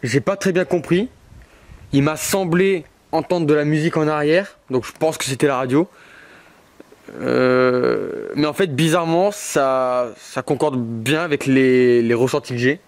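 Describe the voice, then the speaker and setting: A man's voice: on the high side, a little slow, no echo. A man exploring an abandoned brickworks, anxious and hesitant, thinking aloud with many fillers. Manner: raises voice to call out to spirits. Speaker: ghost hunter vlogger. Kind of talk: solo paranormal investigation vlog. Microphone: headphones on, portable recorder.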